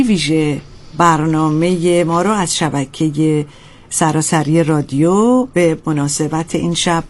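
A woman's voice: lowish voice, a little mellow. A woman hosting a holiday radio talk show, gracious and polite as she chats with guests. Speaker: radio host.

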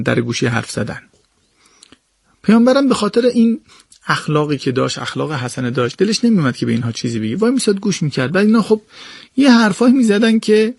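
A man giving an animated religious talk, explaining verses to his listeners with lively swings in pitch and pace. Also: gravelly, no echo, studio quality. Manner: addresses listeners directly and politely.

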